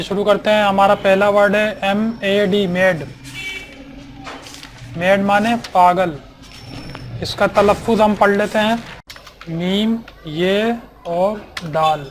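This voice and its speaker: High-pitched man teaching slow, kinda monotone, spelling words out one letter at a time, repeating everything. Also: slight background noise. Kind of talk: slow English vocabulary lesson.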